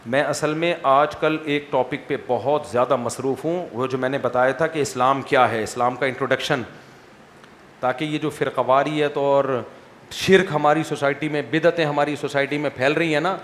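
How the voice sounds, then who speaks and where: A man's voice: medium pitch, steady tone, fairly bright tone, slight background noise. A male Islamic scholar answering questions bluntly and wryly, often checking that his listeners understand. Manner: blunt, wry.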